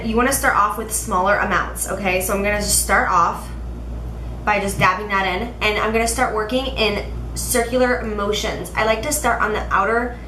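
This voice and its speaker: A woman's voice: medium pitch, bright, forceful tone. A woman with a nasal, congested voice giving a casual, chatty makeup tutorial to camera, speaking directly and emphatically to viewers. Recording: roomy echo, faint background noise.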